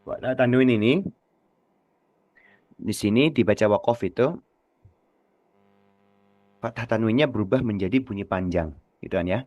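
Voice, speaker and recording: A man teaching Quran recitation on a radio lesson, slow and patient, repeating words to demonstrate, his voice trailing off softly at the ends of phrases. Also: fairly low pitch, no room sound.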